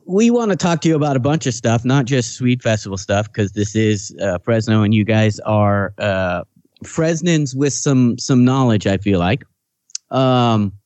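A man's voice: mid-range voice, measured pace, a little mellow, no room sound. A man hosting a podcast, talking loosely and hesitantly with many fillers. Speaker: podcast host. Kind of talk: casual podcast chat.

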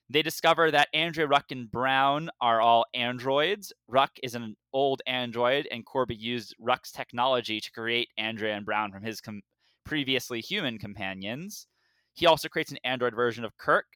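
Bright, crisp man co-hosting a podcast. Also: medium pitch, no echo. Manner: dry joking, relaxed storytelling. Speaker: podcast co-host. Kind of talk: casual podcast chat, episode recap.

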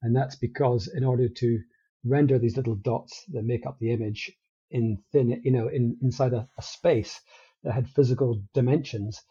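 Mellow Scottish man, husky lo-fi call. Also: mid-range voice, normal speed. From Scotland. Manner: relaxed, rambling with frequent restarts. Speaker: guest, company co-founder. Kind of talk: casual interview chat.

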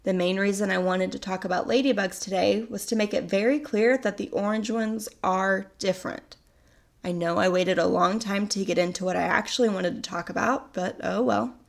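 A young North American woman hosts a casual solo podcast, chatty and upbeat as she explains facts. Her medium-pitched voice is steady and gravelly at a normal speed, and she sounds a little sickly from a cold.

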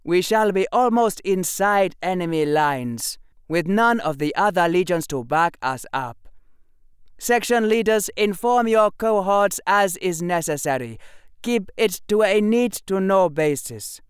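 A man playing a stern legion commander giving loud orders to his troops. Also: high-pitched, animated, unhurried, clear, resonant tone, no echo, clean studio sound, pitched above the performer's own voice.

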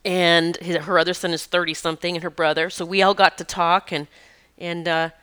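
A woman's voice: lowish voice, level tone, fairly quick, a bit bright, clean tone. A woman hosting a show, telling a personal story in an earnest, emotional way, with restarts and laughs as she goes. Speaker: podcast host.

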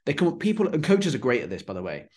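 A man's voice: medium pitch, huge pitch swings, rapid-fire, a little mellow. A man hosting a casual podcast conversation as a fitness business coach, talking bluntly and swearing freely.

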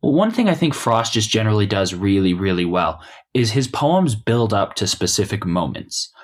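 A man's voice: on the low side, sing-song, normal speed. A young man answering in a class discussion, casual and enthusiastic, with lots of fillers. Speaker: student.

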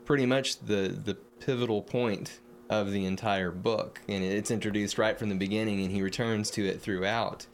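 A man's voice: on the low side, steady tone, normal speed, few pauses, slight background noise. A man in a reflective spiritual discussion, talking thoughtfully with frequent repeated words.

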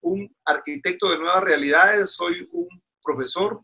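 Middle-aged pastor from Guatemala, bright husky voice, earnest preacherly interview guest. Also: male voice, sits high, huge pitch swings, a little slow. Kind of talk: casual interview talk.

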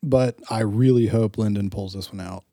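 A man's voice: fairly low pitch, moderate pace, dark tone, no echo, clean studio sound. A man hosting a casual fantasy football chat, laid-back and hesitant, full of fillers, who has been coughing. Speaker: fantasy football league podcast host.

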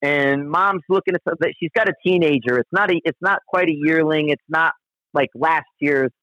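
A man's voice: on the high side, moderate pace, fairly bright tone, dry recording. A man telling a long outdoor story in casual conversation, rambling and profane, with frequent restarts. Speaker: guest storyteller. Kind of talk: casual spoken anecdote. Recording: dull, dry lo-fi recording.

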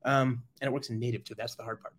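A man hosting a casual tech chat show, excitable and full of restarts, laughing often. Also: medium pitch, fast talker, husky. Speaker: podcast host.

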